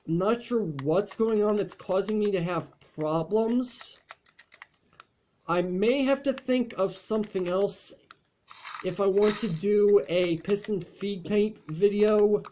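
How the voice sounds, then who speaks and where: A man's voice: high voice, a little mellow, a little hiss or hum. A man chatting casually over gameplay as a channel host, rambling along with frequent fillers and restarts.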